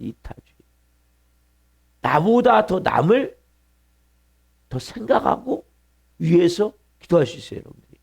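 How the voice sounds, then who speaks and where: A man's voice: fairly high pitch, creaky, mellow, husky. A middle-aged man preaching a sermon as pastor of a church, repeating key words and putting questions to the congregation. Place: church sanctuary.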